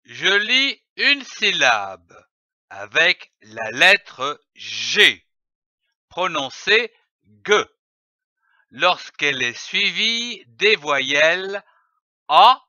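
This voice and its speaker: Man, reading teacher, somewhat high pitch, spells out syllables very slowly, close and dry. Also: very animated, bright, forceful tone, no room sound, highs cut off. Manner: spells out letters slowly and carefully. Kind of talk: slow syllable-by-syllable reading lesson.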